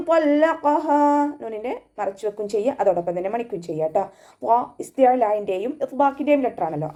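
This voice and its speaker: A woman teaching Quran recitation step by step, chanting the verses in a high melodic tone between patient explanations. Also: dark tone. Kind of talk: tajweed lesson, recitation and explanation.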